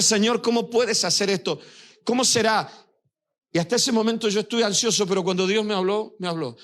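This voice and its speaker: A man's voice: sits high, fairly bright tone. A male pastor preaching a sermon, speaking directly to his church and weaving in personal anecdotes.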